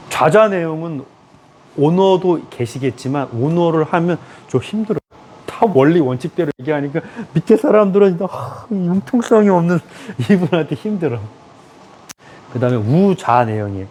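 A man giving a lively lecture in a room, acting out people in raised voices and laughing often. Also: fairly high pitch, a little hiss or hum.

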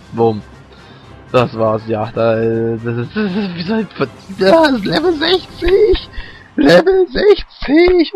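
A man commentating his own video game playthrough, frustrated and swearing, his voice going hoarse, with sudden high-pitched yelps. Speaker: let's play gamer.

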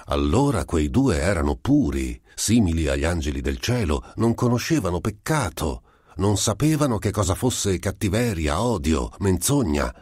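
A man with a very deep voice reads a literary story in a measured, unhurried way. The recording is dry and close, with no room sound. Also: very animated, a little mellow, slightly rough, no echo. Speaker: audiobook narrator. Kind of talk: literary audiobook reading.

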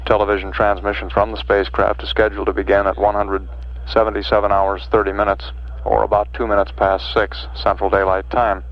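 A man giving matter-of-fact, halting mission control status commentary as a public affairs announcer. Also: fairly low pitch. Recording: dull archival broadcast audio.

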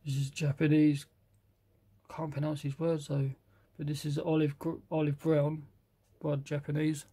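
A British man casually reviewing a box of model paints, reading out colour names haltingly and admitting he can't pronounce some. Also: a little high, completely flat delivery, warm tone, breathy edge.

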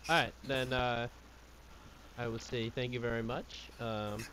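A man playing a tabletop game, speaking quietly and politely with hesitations. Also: mid-range voice, little pitch movement, unhurried, slight background noise, low-quality recording. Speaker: player. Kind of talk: casual tabletop game chat.

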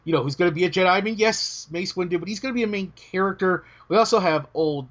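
A British man co-hosting a casual podcast chat, joking and cutting himself off, his voice starting to go hoarse. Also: sits high, fast. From Britain. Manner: animated, joking, self-interrupting. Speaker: podcast co-host. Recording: dull lo-fi audio.

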